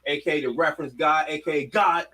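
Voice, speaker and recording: A man's voice: on the high side, fairly even intonation, fast, pushed and bright, poor audio. A man co-hosting a casual podcast, playful, rattling off joking nicknames for his friends. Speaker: podcast co-host. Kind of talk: casual chat. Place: basement.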